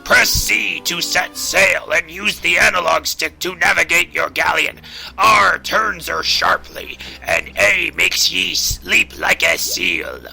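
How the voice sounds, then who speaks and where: Man putting on a gruff old fisherman pirate seal, creaky. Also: on the high side, big pitch swings, slow, pushed and bright, heavily acted, low-quality recording. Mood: jolly, boastful. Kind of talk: reading video game character dialogue aloud. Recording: music behind.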